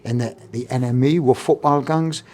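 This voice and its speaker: A Geordie man chats as an interviewer in a soft-edged, mellow voice. His questions are casual and roundabout, wandering before they land. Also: mid-range voice, moderate pace.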